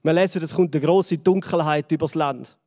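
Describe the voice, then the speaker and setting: A man with a Swiss German accent preaching a sermon, building dramatically and then dropping to hushed lines. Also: moderate pace, in a large hall. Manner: dramatic, swells and drops in pitch and volume. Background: band playing softly.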